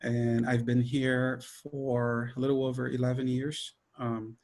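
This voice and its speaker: A man's voice: mid-range voice, flat delivery, measured pace, darkish tone. A man from Brazil, a choral director, introducing himself steadily on a video call. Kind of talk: casual self-introduction.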